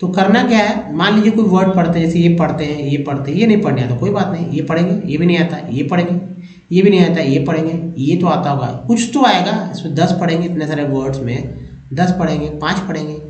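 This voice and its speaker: A man teaching English reading in Hindi, spelling words letter by letter and sounding them out slowly, step by step. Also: fairly high pitch, a little mellow, echoey room, lo-fi sound.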